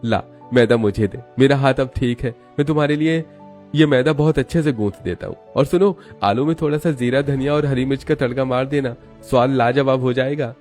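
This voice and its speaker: A man's voice: medium pitch, fairly quick, darkish tone, faint music behind, natural voice. A man voicing a poor, caring father in a cartoon story, speaking earnestly. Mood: encouraging.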